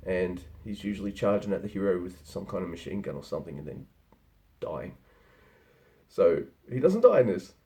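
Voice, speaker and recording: A man's voice: mid-range voice, mellow. A man giving a casual spoken film review, rambling and conversational, with frequent restarts.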